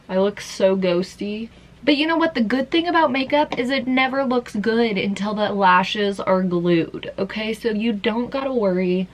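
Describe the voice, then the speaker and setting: A woman's voice: mid-range voice, poor audio. A tired young woman chatting her way through a makeup routine after an all-nighter, rambling casually. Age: young adult. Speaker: vlogger. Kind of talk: casual makeup vlog chat.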